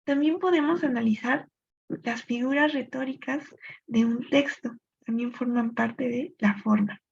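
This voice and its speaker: A woman teacher explains poetic rules step by step, stopping now and then to think aloud. Her voice sits a little high, with a gravelly, husky edge. The recording sounds dull and lo-fi. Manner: clear explanatory pace with thinking-aloud pauses. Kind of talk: recorded literature lesson.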